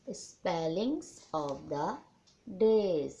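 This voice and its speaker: Woman teacher, lowish mellow voice, drawn-out deliberate dictation, spells every letter. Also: lively intonation, a little hiss or hum. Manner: repeats and spells out each word letter by letter. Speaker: home tutor teaching children. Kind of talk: slow dictation-style lesson.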